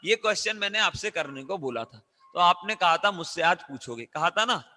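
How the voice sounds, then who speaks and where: A man teaching a class of children. He quizzes them with call-and-response questions and coaxes loud answers. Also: high-pitched, lively intonation, normal speed, big-room sound.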